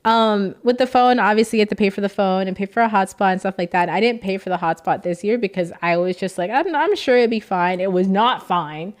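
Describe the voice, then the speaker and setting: A woman's voice: mid-range voice, brisk, hardly any pauses. A young woman streamer talking casually and emotionally to her chat, rambling and thanking viewers.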